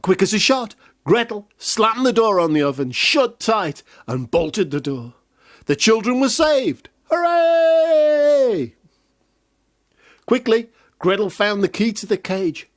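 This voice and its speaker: A man's voice: high voice, very animated, measured pace, no room sound, clean studio sound. A man reading a children's fairy tale aloud in a playful way with jokey asides. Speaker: storyteller.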